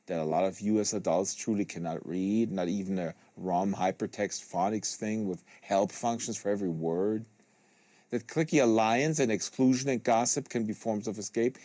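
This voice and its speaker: A host reads a novel aloud in a small studio lined with acoustic foam, speaking into a close microphone. His medium-pitched, dark-toned voice comes across very dry as he works through the literary prose.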